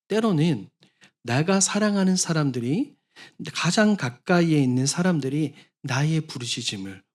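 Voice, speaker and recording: A man preaching a sermon as a pastor, full of passion, swinging from soft to loud and acting out the voices of doubters. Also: on the high side. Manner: acts out quoted voices of doubters.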